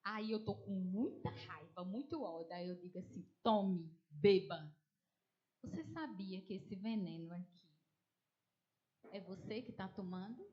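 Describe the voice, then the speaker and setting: This woman speaks at a medium pitch and normal speed, though the recording has its highs cut off. Preaching a testimony with a Northeastern Brazilian accent, she tells the story lively, acts out quoted voices, and calls listeners dear ones.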